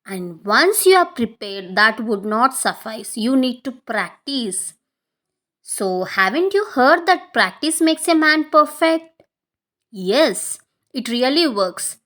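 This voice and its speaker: A woman with a South Indian accent and a high-pitched voice speaks straight to her viewers. She gives instructional advice in an earnest way, stressing her points as she goes. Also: big pitch swings, slow, a bit bright. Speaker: career advice video creator.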